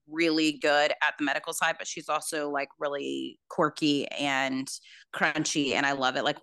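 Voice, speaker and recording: Casual podcast co-host, female, low and bright voice, rambling friendly storytelling. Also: no room sound, studio quality. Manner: chatty storytelling, lots of "like". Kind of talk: casual chat.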